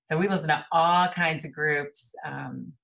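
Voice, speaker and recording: A woman from El Paso, Texas, talking as an interview guest in a relaxed, thoughtful storytelling manner. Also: sits low, unhurried, gravelly, poor audio. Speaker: guest, jazz singer and voice teacher. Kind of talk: interview conversation.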